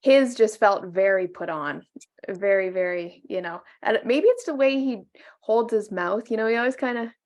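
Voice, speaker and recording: A woman's voice: mid-range voice, animated, moderate pace, a little mellow. A woman co-hosting a casual film discussion, talking hesitantly with fillers and laughing easily. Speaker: podcast co-host.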